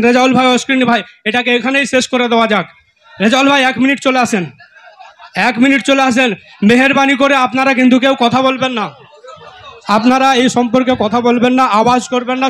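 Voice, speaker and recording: Man, very high voice, organizer, pleading, repetitive, public address mic. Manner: pleading, repeats calls to sit down and be quiet. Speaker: gathering organizer on the microphone. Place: village religious gathering. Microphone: public address microphone.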